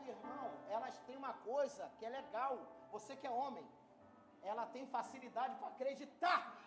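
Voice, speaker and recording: Brazilian guy preaching in church, high voice, cracking jokes, soft music in the back. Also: moderate pace. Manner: joking, animated storyteller, talks straight to the congregation. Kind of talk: humorous sermon storytelling. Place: church hall.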